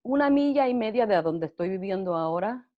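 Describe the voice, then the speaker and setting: A middle-aged woman from Puerto Rico chats as an interviewee about her own life, laughing often, in a Puerto Rican Spanish accent. Her mid-range voice is animated and fairly quick. The audio sounds dull and lo-fi.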